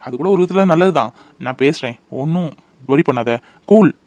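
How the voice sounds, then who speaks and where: A man's voice: a little high, lively intonation, moderate pace, a little mellow, dry recording, natural voice. A man voicing a devoted young fiancé in a cartoon, coaxing and reassuring. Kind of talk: cartoon voice acting.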